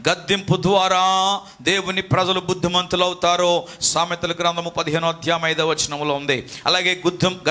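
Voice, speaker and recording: A man's voice: high voice, sharp tone. A man preaching a sermon as pastor, calling on the congregation to answer and scolding them in asides.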